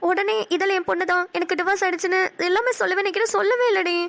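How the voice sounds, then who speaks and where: A woman's voice: very high-pitched, steady tone, fast talker, fairly bright tone. A woman voicing an anxious, heartbroken young mother in a cartoon, crying and pleading. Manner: tearful, pleading.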